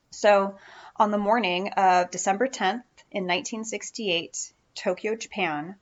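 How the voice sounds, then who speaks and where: A woman co-hosting a podcast, telling a true-crime heist story in a chatty, animated way with fillers and self-corrections. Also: medium pitch. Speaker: podcast co-host. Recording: dull lo-fi sound.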